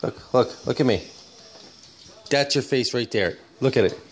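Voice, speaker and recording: A man's voice: medium pitch, unhurried, a little hiss or hum. A man, a father filming his small child at home, asking playful teasing questions in a silly, mock-pleading way. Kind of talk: playful home-video chat with a toddler.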